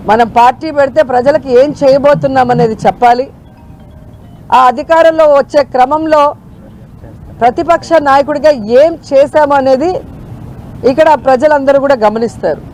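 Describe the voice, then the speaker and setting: A woman minister giving press remarks slowly and deliberately, in a scolding manner. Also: sits high, darkish tone, slight background noise, low-quality recording.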